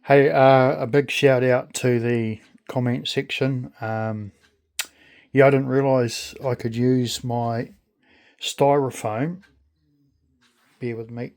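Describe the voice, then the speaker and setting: A man talks through a casual hands-on demonstration. His voice sits at a medium pitch, and he speaks very slowly, in a halting, friendly way. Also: steady tone, darkish tone. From New Zealand. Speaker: video creator.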